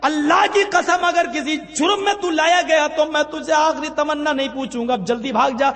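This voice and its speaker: Brief: a preacher playing a stern ruler of authority, firm and warning, high-pitched, in a reverberant hall. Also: male voice, fairly even intonation, a bit bright. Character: stern just caliph, older man of authority.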